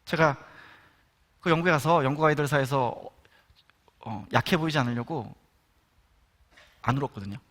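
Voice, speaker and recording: A man giving a testimony sermon at a prayer meeting, telling his story in an animated way and acting out what people said. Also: fairly high pitch, normal speed, pauses often. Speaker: guest speaker at prayer meeting.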